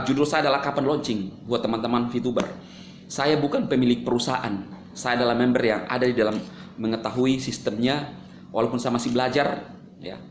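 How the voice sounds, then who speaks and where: A man talking straight to his viewers in a casual monologue, animated and sarcastic, swinging between loud jabs and low mumbles. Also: roomy sound, slight background noise. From Indonesia. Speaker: video creator answering critics.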